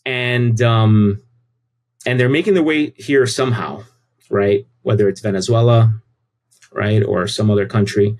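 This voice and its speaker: An American tech company CEO, appearing as an interview guest, talks casually and informally, frequently repeating phrases for emphasis. His voice is lowish, steady, unhurried and slightly mellow.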